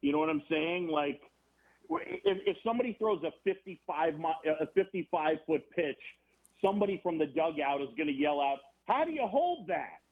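A man calls in over a thin, phone-like line, his voice slightly higher than most. He rambles through his points in an animated way, starting over often. It's a relaxed guest spot on a podcast. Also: a little fast. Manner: rambling, animated storyteller with many restarts. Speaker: baseball broadcaster, guest. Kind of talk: casual podcast conversation. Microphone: phone or remote call.

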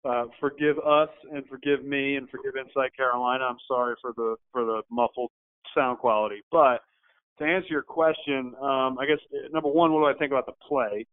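A man talks through a muffled, tinny phone line, his voice sitting in the middle of the male range. He breaks a football play down piece by piece as a former lineman, pausing on fillers as he goes. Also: mid-range voice, steady tone. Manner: analytical, breaks plays down step by step with frequent fillers. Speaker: podcast panelist, former offensive lineman. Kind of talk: sports analysis chat.

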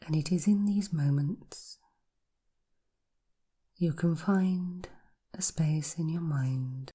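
Woman hypnotherapist for a guided session: very deep voice, dark tone, soft and half-whispered, with slow repeated suggestions. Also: husky.

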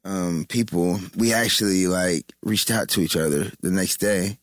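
A man guest telling a story casually, halting with many um's. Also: low-pitched, dry recording. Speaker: songwriter guest.

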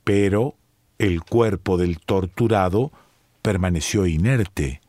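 Slow, measured male storyteller. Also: low voice, warm tone, no echo, clean studio sound. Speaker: narrator. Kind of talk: audiobook story reading.

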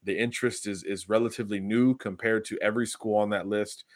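A man's voice: lowish voice, steady tone, fast, dry recording, clean studio sound. A man who is a recruiting analyst, answering interview questions in a confident, analytical way with frequent "uh" fillers. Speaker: football recruiting analyst guest.

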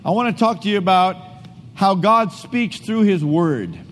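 A man delivers a sermon as pastor, his voice sitting high for a man. He leads the congregation through reading and call-and-response. The sound rings out in a large hall with long reverb and a faint hum behind it. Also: a little slow.

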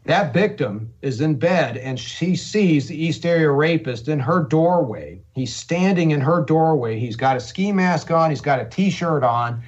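A man's voice: on the high side, animated, measured pace, hardly any pauses, highs cut off. A man, a cold case investigator, answering in an interview and describing events in plain, repetitive phrasing.

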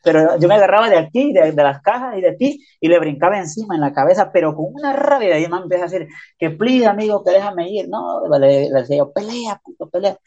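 A man rattles off a story at a quick clip, packed with slang and punchy sound effects. The sound is a little dull and lo-fi. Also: high-pitched, expressive, a little mellow. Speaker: podcast guest, prisoner. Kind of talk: casual storytelling interview.

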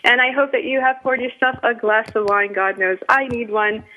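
A woman with a northern US accent hosting a radio talk show, chatting in a chatty, excitable, gushing way. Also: fairly high pitch, moderate pace. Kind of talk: casual radio show chat. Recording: phone-like narrow sound.

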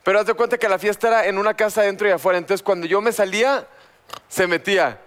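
A Mexican man with a fairly high-pitched voice co-hosts a loose, joking conversation. He tells stories and plays out both sides of the dialogue himself. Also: fast, fairly bright tone, clean tone. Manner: tells anecdotes, acting out the dialogue. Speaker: co-host. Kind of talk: casual comedic chat.

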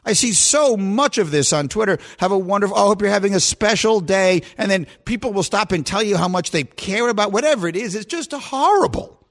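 Fifties guy radio host going off on a rant, high voice, swings up and down all over. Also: expressive, brisk, hardly any pauses, a bit bright. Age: 50s. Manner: mock-outraged ranting, rising and emphatic. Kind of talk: opinionated radio talk.

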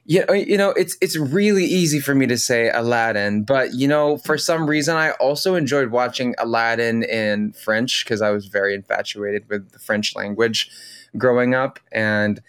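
Here a Filipino man whose first language is Tagalog, a Broadway performer, talks casually as a podcast interview guest, warm and prone to starting over. He speaks at a moderate pace in a medium-pitched, smooth, fairly bright voice, captured on a dry recording.

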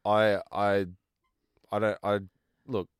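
Clear-voiced Australian man, casual banter. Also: on the low side, completely flat delivery, slow, no room sound, clean studio sound. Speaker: podcast co-host.

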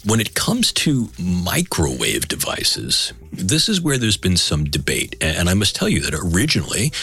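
A man's voice: low-pitched, sharp tone. A man giving a formal expert explanation, wordy, precise and academic. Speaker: expert interviewee. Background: music.

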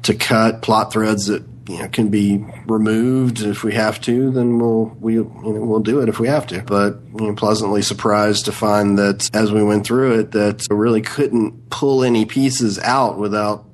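A man with a gravelly voice, an author chatting casually as an interview guest. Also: lowish voice, flat delivery, normal speed, hardly any pauses, slight background noise.

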